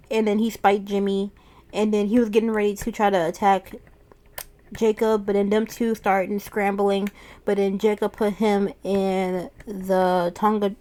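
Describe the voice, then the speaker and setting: A woman's voice: medium pitch, a little mellow. A woman casually recapping a wrestling show, chatty and often laughing as she retells it.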